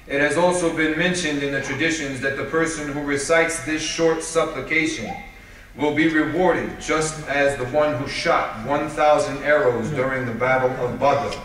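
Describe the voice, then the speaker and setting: A man giving a sermon at a religious gathering, reading aloud in a measured, steady way. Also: on the high side, slight background noise. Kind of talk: sermon with read-aloud prayer. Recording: echoey hall, voice from far off.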